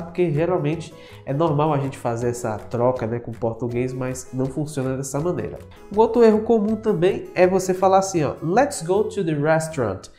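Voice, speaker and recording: Female English teacher, low mellow voice, patient explainer, roomy echo with faint music under it. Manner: explains patiently, slows down for English example phrases. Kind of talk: casual video lesson.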